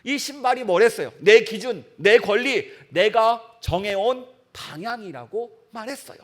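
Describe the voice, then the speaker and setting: A male pastor delivers a sermon in a church. His voice sits very high for a man, and he preaches emphatically, often putting questions to the listeners. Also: expressive, measured pace, a bit bright. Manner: emphatic, with many rhetorical questions to the congregation.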